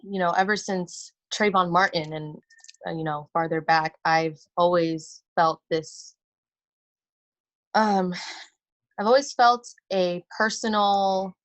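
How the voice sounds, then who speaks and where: A woman in her early twenties from the United States, a guest on a talk show, speaking passionately and deliberately. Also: on the low side. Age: 20s. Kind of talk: earnest interview talk.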